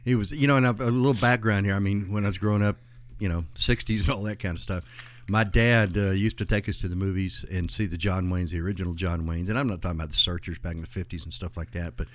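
A man's voice: deep voice, steady tone, fast. A man, chatting casually as a guest and rambling through memories with many fillers. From West Texas. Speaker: guest, host's father. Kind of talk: casual chat.

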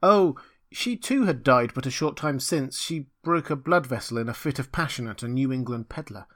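A man's voice: medium pitch, animated, moderate pace, fairly bright tone. A man voicing a young village mother in a storybook, plain-spoken and matter-of-fact. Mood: matter-of-fact, regretful.

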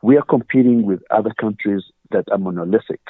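Speaking quickly in a lowish register, a man with a Ugandan accent appears as a guest in a conversational interview, earnestly laying out his views with examples and quoted questions. The sound is phone quality, with no room sound.

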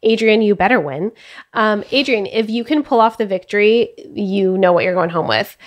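A woman's voice: mid-range voice, normal speed. A woman co-hosting a podcast, teasing and blunt, running a trivia game in casual chat.

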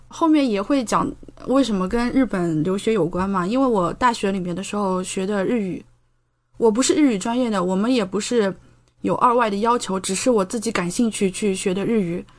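A woman in her thirties from China, a medical doctoral student, chats casually as a podcast interview guest in a brisk, mid-range voice. She's an animated storyteller who tells stories vividly, re-enacts what people said, and keeps checking in with the listener.

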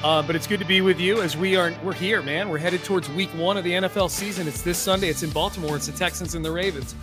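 A man's voice: high voice, fast talker, music in the background. An American man hosting a sports podcast in casual talk, sounding slightly stuffy in the nose.

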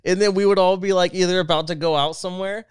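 A man's voice: high voice, fairly even intonation, fast, clear, resonant tone, no echo, clean studio sound. A young man hosting a podcast, chatting casually and laughing often. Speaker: podcast host. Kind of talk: casual chat.

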